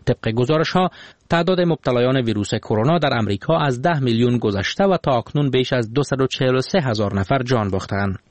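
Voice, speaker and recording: Steady Afghan Dari news presenter. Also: male voice, medium pitch, dry recording. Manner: steady formal reading. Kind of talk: news report.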